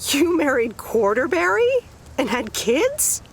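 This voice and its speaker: A friendly woman in her forties returning to her hometown in a video game. She talks lightly and teasingly, her slightly high voice moving through a lively, wide pitch range. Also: slight background noise, heavily acted. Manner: light, teasing, quick to laugh.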